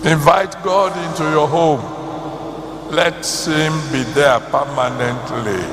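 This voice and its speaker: A man with a Nigerian accent preaching a sermon to a congregation, phrasing deliberately and repeating words for emphasis. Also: fairly high pitch. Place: large hall, church service. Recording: echoey hall, loud background noise.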